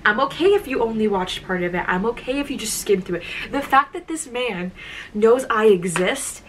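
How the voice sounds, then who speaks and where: A woman's voice: on the high side, lively intonation, normal speed, slight background noise, poor audio. A young woman telling a story in her vlog, gushing and emotional, with lots of "like"s. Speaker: YouTuber.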